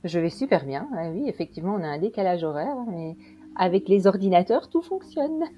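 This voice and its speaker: A woman, a podcast guest telling her story casually with many pauses and fillers. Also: lowish voice, a little hiss or hum. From Belgium. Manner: relaxed, hesitant, with many fillers. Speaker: interview guest.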